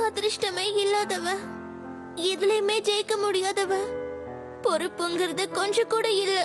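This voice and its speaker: A woman's voice: very high-pitched, steady tone, measured pace, music in the background. A woman dubbing an earnest robot cat from the future in a cartoon, scolding and then tender. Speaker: dub voice actor. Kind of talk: cartoon dub acting.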